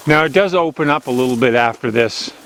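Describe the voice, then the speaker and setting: Strolling along an overgrown woodland logging road, a loud-voiced man hosts his channel's casual walking vlog, chatting and rambling at a fairly quick clip. His voice is medium-pitched and strong, and faint outdoor nature sounds sit behind him.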